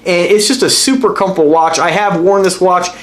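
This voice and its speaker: Speaking a little fast in a voice that sits high, a watch reviewer runs his casual vlog. He chats to viewers as "guys," enthusiastic and rambling, often restarting and using filler words.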